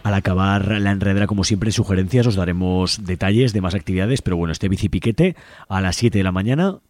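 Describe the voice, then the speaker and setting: Deep-voiced and fast, this man from Spain talks over music as he hosts a casual activist radio program. His delivery is chatty and politically engaged, carrying a Spanish accent.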